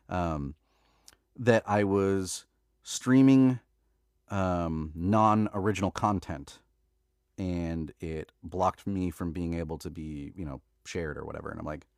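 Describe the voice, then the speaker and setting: Deep-voiced with some vocal fry, a man congested from allergies hosts a livestream, chatting casually before reading a novel aloud. He laughs a lot and corrects himself when he misreads. The studio recording has no room sound.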